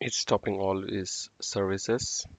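A network engineer instructor narrates a screen-recorded networking tutorial, explaining each step as he works and using fillers along the way. His voice is low and slow, with little pitch movement. The recording is dull, dry, and lo-fi.

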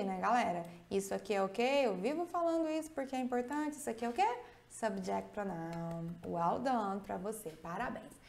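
A woman teaching English grammar in an online video lesson, speaking with a Brazilian Portuguese accent. Her voice sits a little high, and she keeps the pace lively. She often turns to the viewer with a question as she explains.

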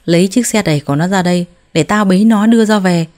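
A woman plays a harsh, domineering older mother-in-law, talking loudly and scolding, lightly acted. Her voice is medium in pitch and mellow in tone, and she speaks fast.

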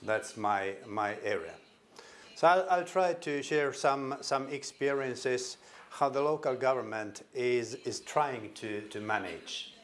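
An older Finnish man with a Finnish accent presents at a conference in a hall, speaking into a stand microphone at a podium. He talks haltingly in a medium-pitched voice, repeating words as he restarts. There is slight background noise.

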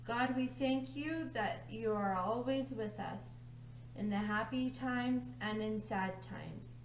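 A middle-aged woman leading a children's church lesson, reading a story slowly, clearly and soothingly. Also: on the high side. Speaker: children's ministry leader. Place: church room with a round table, indoors. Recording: echoey room, faint hum.

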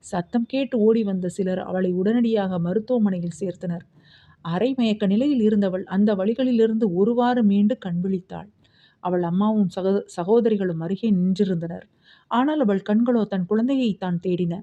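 Female audiobook narrator, warm dark tone, expressive storytelling, muffled sound. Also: medium pitch, normal speed. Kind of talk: scripted novel narration.

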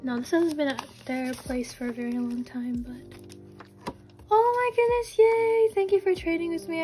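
A young woman vlogging a casual unboxing, often gasping and squealing with excitement. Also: sits high.

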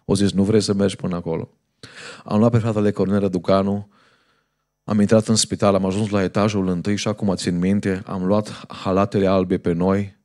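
A man's voice: low-pitched, little pitch movement, warm tone. A male pastor, preaching a fervent sermon in a church and telling a story to the congregation.

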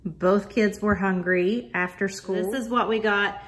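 A woman's voice: medium pitch, steady tone, measured pace. A woman, chatting upbeat on a phone camera as she shows store items and then her haul at home. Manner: chatty and upbeat, says y'all. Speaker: vlogger. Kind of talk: casual shop-with-me narration. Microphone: phone camera held in hand. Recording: loud fan noise in a store. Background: loud store fans and ambience.

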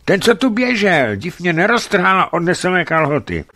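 A man's voice: high voice, big pitch swings, sharp tone, dry recording, clean studio sound, pitched above the performer's own voice, heavily acted. A man doing a stammering, terrified hunter. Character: panicked timid male hunter, stammering.

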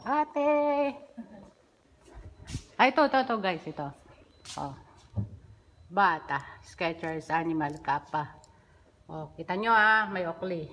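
A woman's voice: lowish voice, fairly bright tone, slight background noise. Chatty woman touring a shop. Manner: chatty, upbeat, pointing things out to viewers. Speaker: shop worker giving a store tour. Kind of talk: casual walking vlog. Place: indoor shop and stockroom. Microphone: handheld phone.

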